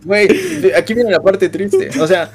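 A young man with a Mexican accent, a podcast host telling an excitable, slang-heavy story and laughing often. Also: high voice, normal speed, over a noisy crowd. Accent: Mexican Spanish. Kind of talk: casual storytelling chat.

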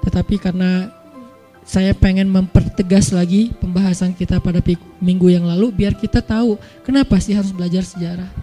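High-voiced man giving a chatty sermon. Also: warm tone. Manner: chatty, acts out examples. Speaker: Islamic preacher. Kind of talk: casual religious lecture.

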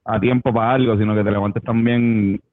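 A man's voice: on the low side, fairly even intonation, normal speed, dry recording, phone-quality sound. A man chatting loosely as a band member guest, swearing and laughing often. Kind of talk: casual interview chat.

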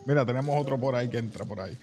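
A man's voice: mid-range voice, rapid-fire, a little mellow, soft background music. A man co-hosting a casual anime talk show, joking and acting out character lines. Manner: playful, acts out character quotes. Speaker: podcast co-host.

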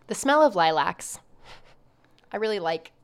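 A young woman co-hosting a relaxed podcast. She keeps the chat moving with upbeat questions. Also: mid-range voice, unhurried, clear, resonant tone. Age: young adult. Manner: upbeat, asks lots of questions. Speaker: podcast co-host. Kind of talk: casual chat.

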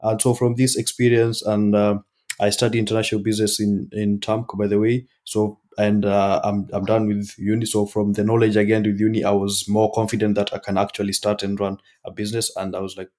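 Low, flat-voiced Kenyan man. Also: a little fast. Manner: hesitant, many restarts and fillers. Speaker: startup founder guest. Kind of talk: casual podcast interview.

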